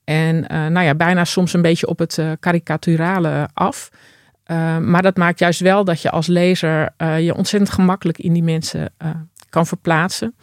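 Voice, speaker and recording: A woman's voice: fairly low pitch, flat delivery, normal speed, no room sound, clean studio sound. A woman translator talking as a guest in an interview, hesitant and full of fillers. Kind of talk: casual interview talk.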